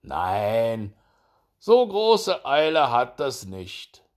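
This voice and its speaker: A man's voice: medium pitch, sing-song, very slow. A man voicing a sly, stubborn male hedgehog in a fairy tale, cocky and bossy.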